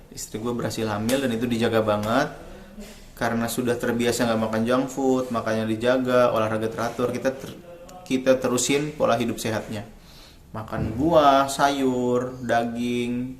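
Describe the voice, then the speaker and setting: A young man chats through a personal story for his vlog. He talks in a loose, slangy, rambling way at a middle pitch, and the room around him rings with echo. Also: slight background noise. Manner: chatty, rambling, slangy Jakarta-style speech. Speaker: vlogger.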